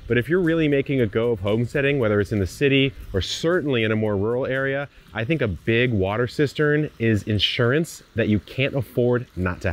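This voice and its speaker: A man in his thirties, hosting a gardening channel, explains his yard systems outdoors in an enthusiastic, friendly walkthrough on a lapel mic. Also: mid-range voice. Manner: friendly, enthusiastic explainer, gesturing while walking around. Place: outdoors in a suburban yard and on a rooftop.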